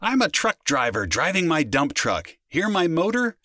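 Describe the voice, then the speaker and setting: A man's voice: on the high side, huge pitch swings, normal speed, pushed and bright, no room sound, clean studio sound, pitched above the performer's own voice, exaggerated voice. A man doing a playful truck-driving boy. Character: boy pretending to be a truck driver.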